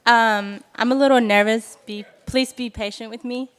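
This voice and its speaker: A woman in her twenties from Ethiopia, nervously giving a prepared speech at a press event, with halting self-corrections. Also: on the high side, steady tone. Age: 20s. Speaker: youth speaker at a press event.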